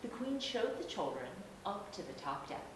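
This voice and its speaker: A woman reading a storybook aloud in an expressive, animated way, as if to a toddler. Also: normal speed. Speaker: storybook reader. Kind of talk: animated read-aloud to young children. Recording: echoey room, distant mic, noisy rumble.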